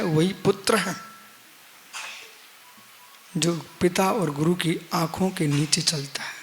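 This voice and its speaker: A man giving a live religious sermon as a monk, teaching slowly with repeated refrains and rhetorical questions, his voice swinging from loud emphasis down to near-hushed lines. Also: high voice. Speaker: monk preacher.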